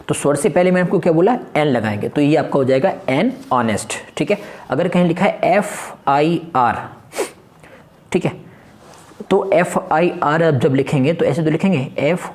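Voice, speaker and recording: A man's voice: fairly high pitch, darkish tone. Man teaching, quizzing and answering himself. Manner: asks questions and answers them himself. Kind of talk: exam-prep grammar lesson.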